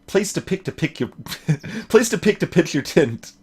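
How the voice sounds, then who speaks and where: A gaming streamer does let's play commentary, casually rambling, cracking dry jokes and reading the game's dialogue aloud. His voice is fairly high and darkish, very animated yet measured in pace, and the recording is clear of background noise.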